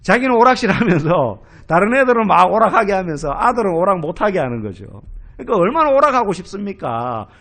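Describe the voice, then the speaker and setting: A male pastor preaching an expository sermon in a church, telling stories in an animated way and acting out quoted speech. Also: high voice, quick pace. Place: church sanctuary.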